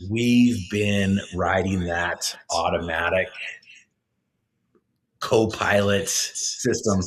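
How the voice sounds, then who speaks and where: A man with a fairly low voice talks earnestly in an interview, explaining his coaching tools. He often restarts and fills pauses with "uh" and "you know.". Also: poor audio. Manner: earnest, many fillers and restarts. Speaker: motivational speaker, guest. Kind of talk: casual interview talk.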